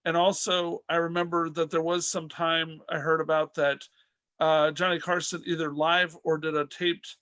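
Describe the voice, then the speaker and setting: A man's voice: on the high side, level tone, normal speed, fairly bright tone, no room sound. A man hosting a comedy podcast, telling a rambling story and asking questions, full of fillers and laughs. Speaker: podcast host and comic. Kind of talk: casual interview chat.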